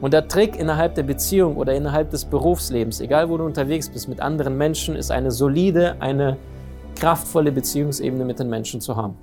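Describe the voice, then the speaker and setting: Lively man giving a motivational talk. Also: medium pitch, fast talker, soft background music. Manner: lively, keeps asking the audience questions. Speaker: speaker on communication and relationships.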